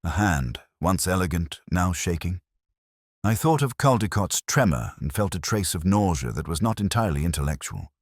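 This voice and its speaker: Speaking in first person, a man tells a detective tale in the brooding, measured manner of a weary, introspective investigator, using short literary phrases. His extremely low, husky voice moves expressively, even sing-song, and the close, dry recording has no room sound.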